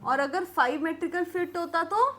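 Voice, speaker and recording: A woman teaching an exam revision lecture, reading each question out slowly before she explains the answer. Her voice sits high and her pace stays unhurried. She addresses her students fondly as she walks through each option. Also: fairly bright tone, a little hiss or hum. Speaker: English literature teacher. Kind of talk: exam revision lecture, mixing Hindi and English.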